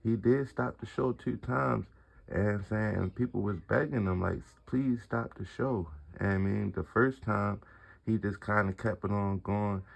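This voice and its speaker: A man's voice: fairly low pitch, steady tone, normal speed. A man giving a rambling, slangy eyewitness account in a casual street interview. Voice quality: gravelly, husky. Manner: slangy, rambling, repeats "you know what I'm saying".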